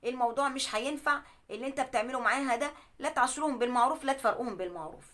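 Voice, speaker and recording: A woman with an Egyptian accent voicing a worried middle-aged mother who gently coaxes and pleads with her daughter. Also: high voice, racing. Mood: pleading. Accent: Egyptian Arabic.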